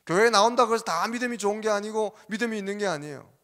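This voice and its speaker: A man's voice: high voice, rapid-fire, fairly bright tone. A male pastor preaching a Sunday sermon with rising, exclaiming emphasis. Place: church sanctuary. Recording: church hall reverb.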